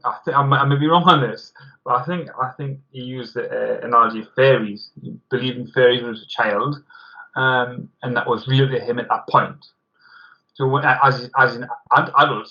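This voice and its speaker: A man's voice: medium pitch, pushed and bright. A man, chatting casually over beers and explaining a philosophy idea at length with many ums and hedges. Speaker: social worker podcast co-host. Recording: muffled lo-fi recording.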